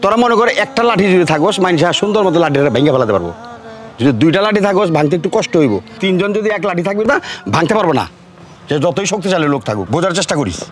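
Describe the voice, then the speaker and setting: A man's voice: high-pitched, racing. A man playing a stern scolding village father. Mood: lecturing. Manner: scolding, preachy, lively. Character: stern older village father lecturing his sons. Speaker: father of three sons. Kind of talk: short film acting.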